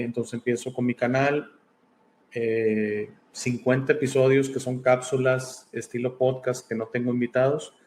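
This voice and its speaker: A man's voice: mid-range voice, slight background noise. A man born in Italy and raised in Mexico, a podcast host talking as a guest over a video call, thoughtful and hesitant with many fillers. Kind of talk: casual interview chat.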